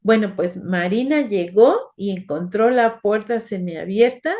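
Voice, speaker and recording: A woman's voice: mid-range voice, animated, unhurried, a little mellow. A woman teaching an online Bible lesson to children, telling stories and often asking them "right?". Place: online class.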